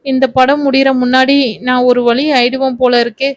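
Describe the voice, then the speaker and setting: Woman reading as a young actress in a storybook, hot-tempered, kinda childish, higher voice, pretty flat tune. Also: brisk, dry recording, lightly acted. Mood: complaining. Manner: indignant, complaining.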